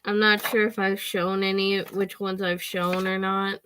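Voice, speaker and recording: A woman's voice: medium pitch, little pitch movement, a little slow, fairly bright tone, slight background noise. A teenage girl chatting casually to the camera from her bedroom, rambling with lots of fillers. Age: teens. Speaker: vlogger.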